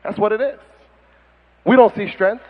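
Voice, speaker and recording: A man preaching as an imam, fiery and mocking, in an animated sermon style, on a dull lo-fi recording. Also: sits high, normal speed, in a large hall.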